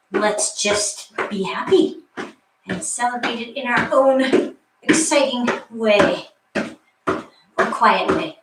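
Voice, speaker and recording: A woman's voice: on the high side, heavy background noise. A woman leading a live workout from a basement, her voice echoing in the room. She is chatty, calling out moves between asides. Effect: echoey room sound. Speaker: fitness instructor. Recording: echoey basement room, voice far from mic.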